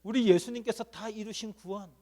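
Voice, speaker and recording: A man with a fairly high voice preaching to middle schoolers at a church service. He asks the room question after question and answers them himself. Now and then he acts out an inner voice talking straight to the students. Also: fairly even intonation, fairly quick, a little mellow. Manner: acts out an inner voice speaking to the listener. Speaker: youth pastor.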